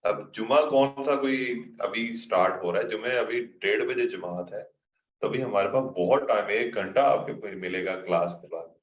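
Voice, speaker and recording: A man's voice: lowish voice, normal speed. A man teaching an online class, patiently reading out students' questions and answering them. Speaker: instructor. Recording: muffled lo-fi recording, roomy echo.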